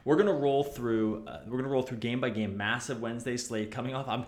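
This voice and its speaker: A man hosts a sports podcast in loose, rambling banter and analysis, circling back over his phrases. His middle-pitched voice rings with heavy room echo, as if from a makeshift recording setup. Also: a little fast. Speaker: podcast host. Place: echoey room.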